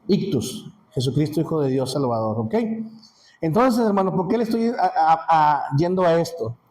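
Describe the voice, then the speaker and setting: A man with a Mexican Spanish accent teaching a Sunday school class in a casual, halting way, full of restarts and check-ins with his listeners. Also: on the high side, a little mellow, a little hiss or hum, low-quality recording.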